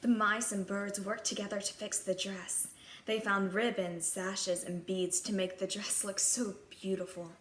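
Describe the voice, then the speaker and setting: A woman with a medium-pitched, level voice speaks a little slowly as she narrates a scripted children's fairy tale in first person, playing a princess. The room is echoey and background noise is clearly audible.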